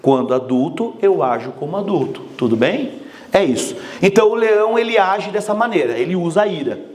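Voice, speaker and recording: A man giving a motivational talk, energetic and joking, speaking straight to the audience. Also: high voice, brisk.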